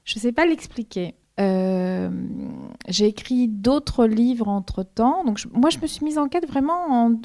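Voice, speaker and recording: A woman's voice: on the high side, expressive, a little slow, mellow. Woman author from Argentina, native Spanish speaker, hesitant bookshop-talk answers, full of restarts. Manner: hesitant, many repeated words and restarts.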